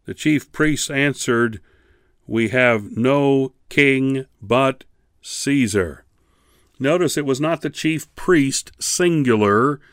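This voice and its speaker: In a radio Bible lesson, a man reads scripture in slow, measured phrases, then comments with emphatic rises on key words. His voice is medium in pitch, recorded with studio quality and no room sound.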